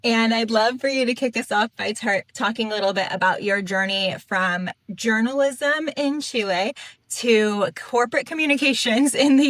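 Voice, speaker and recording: A woman hosts a conversational podcast interview, welcoming her guest in a friendly, upbeat way. Her voice is medium-pitched and recorded dry, with no room echo. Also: a bit bright. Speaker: podcast host.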